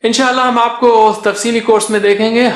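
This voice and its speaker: A man teaching a Quran lesson, patiently chanting letter sounds in a slow drill and explaining how each one is made. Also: very high voice, level tone, reverberant. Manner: patient, demonstrates sounds slowly, gestures while explaining.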